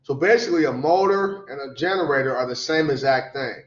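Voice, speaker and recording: Man, college instructor, tired, repeats definitions slowly, echoey classroom, muffled recording. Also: medium pitch. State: tired, sleepy. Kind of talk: classroom lecture. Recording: echoey classroom, dull lo-fi sound.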